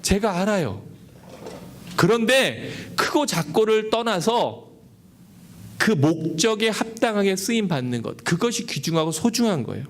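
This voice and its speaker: Korean pastor guy, high-ish voice, earnest sermon, keeps asking the room questions. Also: very animated, unhurried. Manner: earnest, asks the congregation questions. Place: church service held in a cinema hall.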